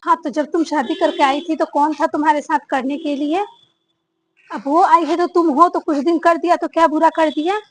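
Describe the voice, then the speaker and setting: A woman's voice: high-pitched, fairly even intonation, a little fast, few pauses, darkish tone, slight background noise, lightly acted. A woman acting a stern mother-in-law who scolds her daughters-in-law in a family drama. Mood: scolding. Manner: commanding, scolding.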